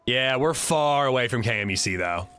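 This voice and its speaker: A man from Pennsylvania, a streamer talking casually with chat while playing a game, animated and swearing freely. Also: mid-range voice, normal speed, smooth. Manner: animated, profane, reacting to chat. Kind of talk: casual gaming livestream chat.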